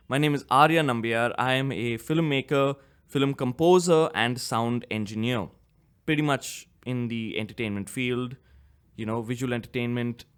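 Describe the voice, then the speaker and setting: This Indian podcast host in his twenties speaks with a medium-pitched, clear and resonant voice on his solo show. He has a slight cough and rambles casually, often correcting himself.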